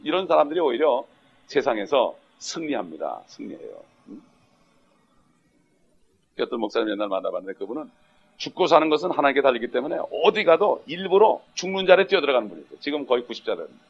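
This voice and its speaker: A man's voice: medium pitch, big pitch swings, fast talker, breathy edge. A male pastor preaching a sermon emphatically, often breaking in with a questioning "eh?" to the congregation. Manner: emphatic, punctuates with rhetorical "eh?". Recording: dull lo-fi sound.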